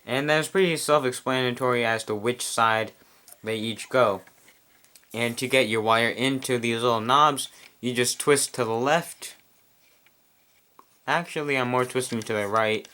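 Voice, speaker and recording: A man casually explaining how to set up a model train address changer, chewing gum as he talks in a quiet room. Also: mid-range voice. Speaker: model train hobbyist reviewer. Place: quiet room at home with model track on a table.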